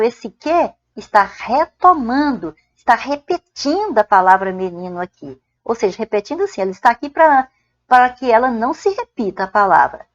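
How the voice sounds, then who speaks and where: Brazilian woman, grammar teacher, deliberate dictation of examples, slightly muffled lo-fi sound. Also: a little high. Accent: Brazilian Portuguese. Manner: slow, deliberate dictation of examples, frequent "ó" and "certo?". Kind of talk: spoken grammar lesson.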